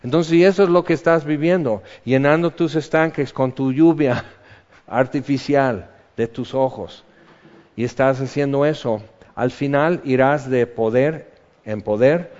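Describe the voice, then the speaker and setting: This Bible-teaching sermon comes from a man whose mid-range voice has a darkish tone. He speaks conversationally and reads out psalm verses, recorded in a dull, reverberant hall.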